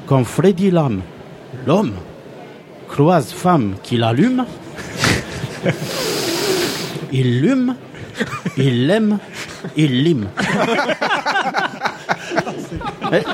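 A man's voice: on the high side, wildly swooping pitch, extremely slow, pauses often, noisy background. A man on a radio show speaking hesitantly, with many fillers and restarts, in casual chat.

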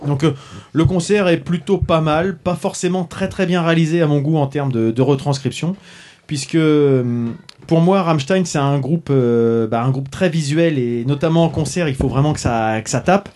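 A man with a slightly high voice hosts a casual podcast chat into a studio microphone. He talks in a hesitant, searching way, full of fillers and restarts. His tone is relaxed and conversational. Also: moderate pace, slight background noise. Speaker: podcast host reviewing a concert box set.

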